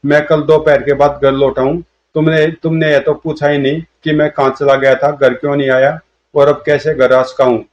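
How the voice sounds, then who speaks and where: A man's voice: a little high, level tone, moderate pace, darkish tone, close to an everyday voice. A man voicing an old man over seventy who whines and pleads like a six-year-old boy, in a comic storybook reading. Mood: whining. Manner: childlike, whiny pleading. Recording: dull lo-fi audio.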